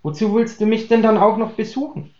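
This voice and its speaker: A man's voice: high-pitched, a little mellow, pitched above the performer's own voice, natural voice. A man reading aloud, voicing a shy young woman who answers hesitantly through a closed door. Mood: puzzled. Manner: hesitant, halting. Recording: roomy, dull lo-fi recording.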